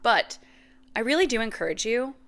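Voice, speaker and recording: A woman's voice: fairly high pitch, very animated, moderate pace, a bit bright. A woman in her thirties hosting a faith podcast, speaking earnestly and from the heart, often emotional, with lots of "like" and "you know". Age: 30s. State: emotional, near tears. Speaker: podcast host. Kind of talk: reflective faith podcast monologue.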